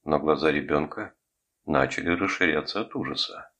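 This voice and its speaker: Deep husky male audiobook narrator, steady and measured, gravelly tone. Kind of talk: scripted narration.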